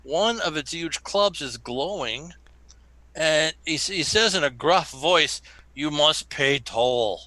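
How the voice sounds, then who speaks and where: A man acting as game master, narrating a tabletop game off the cuff in a halting, colloquial way. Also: on the high side, expressive, bright, forceful tone, dry recording.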